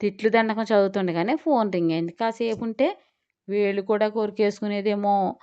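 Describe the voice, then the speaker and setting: A woman narrating a serialized romance audio story in an expressive, scripted reading. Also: medium pitch, fairly quick, clean tone, lo-fi sound.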